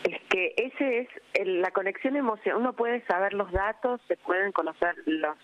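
A woman with an Argentine accent giving a thoughtful, halting interview over the telephone. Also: medium pitch, slight background noise. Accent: Argentine Rioplatense. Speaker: phone interview guest. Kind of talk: conversational interview. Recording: telephone line.

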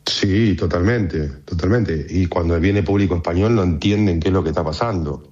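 Deep Argentine man, relaxed interview talk. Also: moderate pace, highs cut off. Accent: Argentine Spanish. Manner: relaxed, conversational, frequent fillers. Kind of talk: radio interview.

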